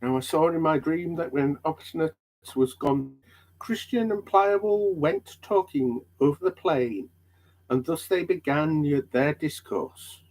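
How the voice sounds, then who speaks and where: A man narrating an old allegory as a dramatic storybook reading, halting now and then over the words. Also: a little high, animated, a little mellow, low-quality recording.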